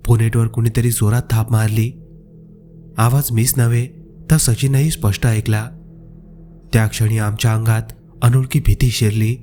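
A man tells a scripted horror story in a steady, suspenseful way. His voice is mellow and dark, at a middle pitch. Faint music plays beneath him. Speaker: narrator. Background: faint background music.

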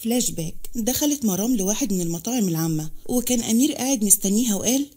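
A woman with an Egyptian accent narrating a romance story in a brisk storytelling way. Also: fairly high pitch, lively intonation, warm tone. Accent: Egyptian Arabic.

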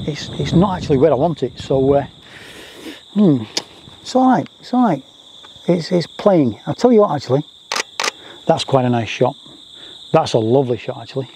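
Mellow man rambling outdoors. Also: on the high side. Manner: chatty, self-deprecating, repeats phrases. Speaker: landscape photographer, vlogger. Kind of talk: casual rambling vlog commentary. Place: outdoors on a grassy rural roadside. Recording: faint outdoor noise with insects.

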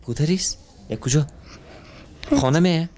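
A man, hosting a street interview with working children and asking them questions in a gentle, coaxing, soothing way full of endearments. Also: a little high. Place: street outdoors.

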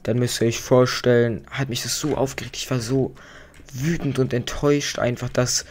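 A man's voice: mid-range voice, fairly even intonation, moderate pace, darkish tone. A young man hosting a let's play, telling a story in casual, rambling, slang-heavy chat. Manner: slangy, rambling, chatty with many fillers. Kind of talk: casual gaming commentary while storytelling.

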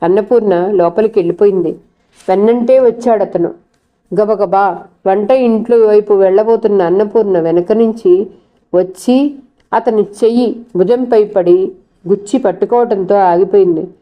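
A woman narrating a novel in a measured, dramatic storytelling manner. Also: medium pitch, lo-fi sound.

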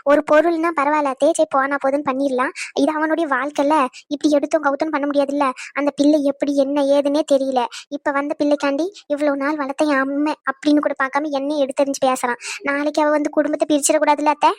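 A woman's voice: high-pitched, flat delivery, fast talker, no room sound, close to an everyday voice. A woman voicing an anxious, argumentative middle-aged mother. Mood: arguing. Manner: complaining, argumentative. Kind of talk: cartoon dubbing.

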